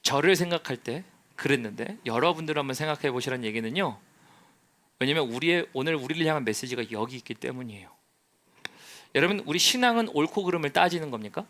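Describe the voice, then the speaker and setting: A man's voice: a little high, lively intonation, fast talker, a bit bright. A male pastor preaching a sermon, asking the congregation questions and acting out the voices he quotes. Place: church sanctuary.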